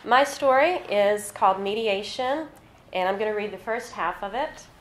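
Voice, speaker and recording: In an indoor hall at a literary reading, an author reads her own short story aloud to an audience. Her voice is medium-pitched at a moderate pace, and the live recording sounds roomy and echoey with slight background noise.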